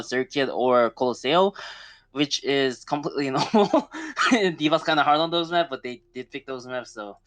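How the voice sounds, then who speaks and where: A man's voice: medium pitch, fairly bright tone. A man co-casting a live esports match, talking hesitantly with stammers and ums. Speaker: esports co-caster.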